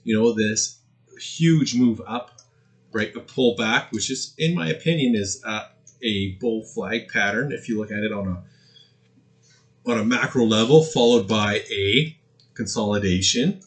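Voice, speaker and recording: A man's voice: on the low side, unhurried. A man hosting a trading channel, giving casual chart commentary in a crypto-bro manner, mixing hype with hedging.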